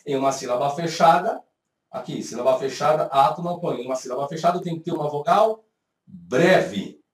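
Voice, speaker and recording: A man's voice: on the high side, expressive, a little fast. A man with a Brazilian Portuguese accent teaching a grammar lesson step by step, voicing his students' questions himself. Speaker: Hebrew teacher. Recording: echoey room, voice from a distant mic.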